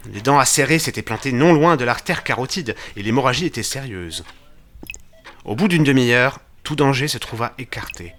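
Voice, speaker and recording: An actor playing Doctor Watson, narrating an audio drama with vivid, tension-building delivery. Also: male voice, medium pitch, expressive, moderate pace, fairly bright tone, lightly acted. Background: music.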